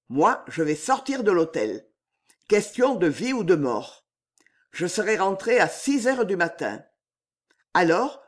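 A man's voice: high-pitched, exaggerated voice. A man reading aloud, voicing a scheming nobleman who speaks in firm, emphatic declarations. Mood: insistent. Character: commanding scheming nobleman, cool and insistent.

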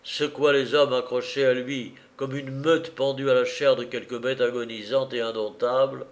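A man narrating a novel in a measured, expressive storytelling voice. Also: mid-range voice. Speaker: audiobook narrator.

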